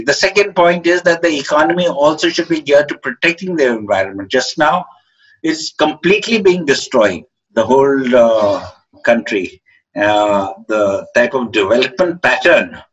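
An author in his seventies with an educated, upper-class Indian English accent is interviewed, his medium-pitched voice expressive and slightly rough. He's halting and hesitant, searching for words as he reflects, and the call audio is dull, muffled and lo-fi.

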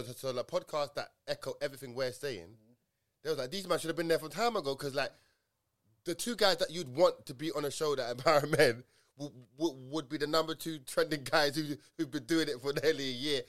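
A man's voice: fairly high pitch, brisk. A man with a London roadman accent in casual podcast chat, making points emphatically with heavy slang and repetition. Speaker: podcast co-host.

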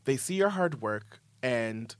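A man talks through his career in a relaxed podcast conversation, his speech full of likes, ums and quick restarts. His voice sits in a middle range and sounds dry and close to the mic. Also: medium pitch, clean tone, dry recording. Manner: animated storyteller, many likes and ums. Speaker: podcast producer guest. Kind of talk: casual chat.

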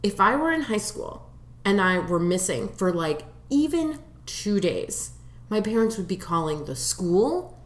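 A woman's voice: mid-range voice, sing-song, measured pace. Emphatic thirtysomething woman, echoey room. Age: 30s. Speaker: podcast co-host. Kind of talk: casual comedic chat.

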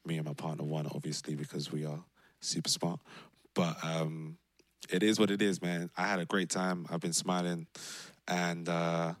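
A man's voice: low-pitched, little pitch movement, normal speed, dry recording. A young man with a London accent co-hosting a podcast among friends, laughing often and repeating words for emphasis. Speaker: podcast co-host. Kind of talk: casual chat among friends.

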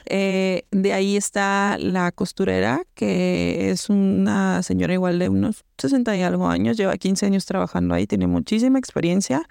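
A Mexican woman co-hosting a podcast, telling a story in casual chat with lots of slang and an animated manner. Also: mid-range voice, vocal fry, smooth, dry recording, studio quality. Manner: animated, slangy, acts out voices in anecdotes. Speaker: podcast co-host.

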